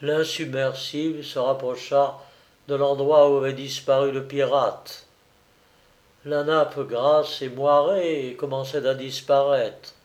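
Slow, measured male audiobook narrator. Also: medium pitch, fairly even intonation, darkish tone. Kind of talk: audiobook narration of an adventure novel.

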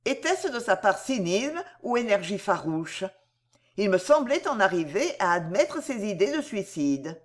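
Expressive woman reading a novel. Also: medium pitch, unhurried. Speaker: audiobook narrator.

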